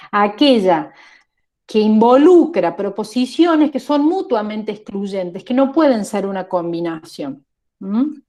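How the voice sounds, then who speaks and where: A teacher from La Rioja, Argentina, with an Argentine Spanish accent and a somewhat high, slightly mellow voice, lectures her class. She explains things step by step and frequently checks that the students are keeping up.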